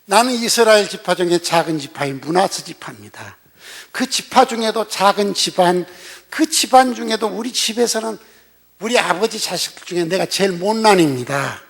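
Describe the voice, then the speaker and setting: An older pastor voicing a frightened young farmer who pleads and protests during a sermon retelling. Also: male voice, sits high, expressive, normal speed, gravelly, fairly bright tone, heavily acted. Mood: pleading.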